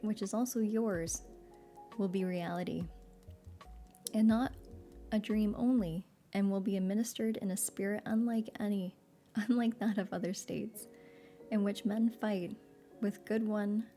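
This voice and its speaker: A calm, patient old philosopher, read by a woman in a soft bedtime reading. The voice is mellow and warm, and the delivery is steady. Gentle music sits faintly underneath. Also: mid-range voice, lightly acted.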